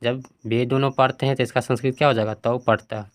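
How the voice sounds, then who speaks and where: A man's voice: medium pitch, fairly even intonation, fast. A man teaching a textbook lesson who puts each question to his students and then answers it himself, reading word forms out one by one.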